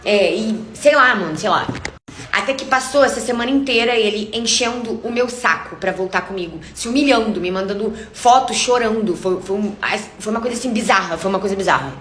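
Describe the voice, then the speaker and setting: A woman's voice: mid-range voice, a little fast, fairly bright tone, slight background noise. A young woman with a Brazilian accent, telling a personal story in a casual vlog, angry and emphatic, often repeating herself. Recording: echoey room.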